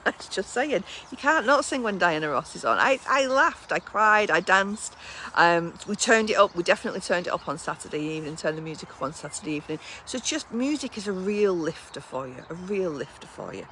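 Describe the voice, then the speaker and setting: A British woman hosting a casual live wellbeing chat outdoors, gently instructive and encouraging, checking in with listeners as she talks. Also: lowish voice, a little hiss or hum. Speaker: wellbeing live-stream host. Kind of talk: casual chatty live talk with wellbeing tips. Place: outdoors on a balcony.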